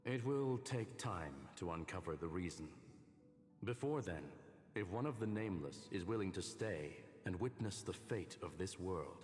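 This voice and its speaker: A grave guardian in a video game. The voice is very deep and formal, trailing long reverb over faint music. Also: male voice, animated, normal speed, darkish tone. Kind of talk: dramatic video game voice acting. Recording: reverberant hall.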